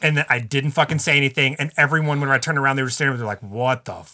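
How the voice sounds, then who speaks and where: A man's voice: mid-range voice, steady tone, rapid-fire, sharp tone. A man casually telling a long story on a podcast, rambling with lots of filler words and swearing.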